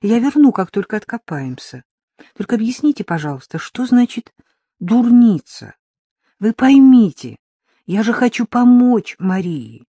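A woman's voice: fairly high pitch, very animated, a little slow, mellow, slightly rough, no echo, pitched above the performer's own voice, full character voice. A woman voicing an earnest, persistent young woman journalist in an audiobook.

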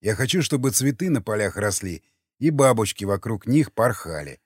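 A man reading the lines of a gruff, menacing cannibal in an audiobook, coarse and threatening, with a lively pitch and a dry sound. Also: normal speed, no room sound. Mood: musing.

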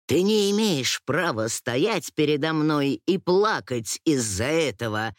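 A woman reading an audiobook voices an anguished young man whose lowered voice trembles. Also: lively intonation, slow pace, no room sound, clean studio sound. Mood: angry. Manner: low strained voice, shaky. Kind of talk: audiobook character voice.

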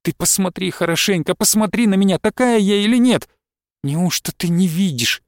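A man's voice: high voice, moderate pace, no echo, pitched above the performer's own voice. Desperate young wife begging, near tears, a guy reading her part, dry close audio. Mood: imploring. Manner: pleading, rising, near tears. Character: desperate pleading young wife, devoted, frightened.

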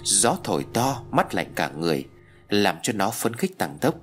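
A man's voice: on the low side, big pitch swings, moderate pace. A man narrating a first-person story as an audiobook reader. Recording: faint background music.

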